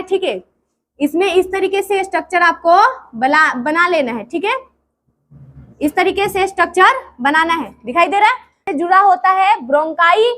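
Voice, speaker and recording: High-voiced woman teacher, repetitive classroom quizzing. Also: a bit bright. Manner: repeats terms and quizzes the class. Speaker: drawing teacher. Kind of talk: classroom drawing lesson.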